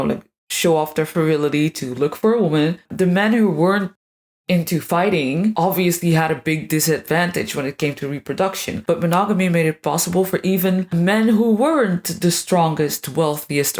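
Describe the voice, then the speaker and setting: A woman's voice: fairly low pitch, expressive, normal speed. A woman delivering a scripted video monologue with sarcastic, crude asides. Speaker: video creator.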